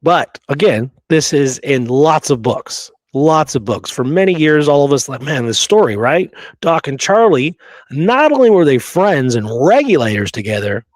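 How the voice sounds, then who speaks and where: A history show host presents his research to listeners, partly reading from prepared notes. His fairly high voice has a sing-song quality at a moderate pace, and he's emphatic, checking in with rhetorical "right" and "okay." The recording is dry, with no echo.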